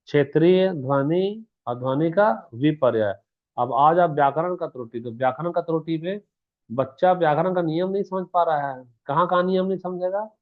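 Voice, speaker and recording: A man's voice: fairly high pitch, moderate pace. A man teaching an exam-prep lesson, who poses questions to the class and answers them himself. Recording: tinny phone-like sound.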